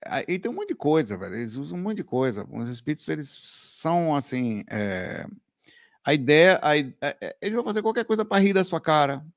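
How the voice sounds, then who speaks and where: Animated man telling spooky stories. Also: fairly high pitch, fairly quick, no echo, studio quality. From Brazil. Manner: animated storytelling, laughing, slangy with "velho" and "cara". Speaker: live stream host. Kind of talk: casual live chat answering viewer questions.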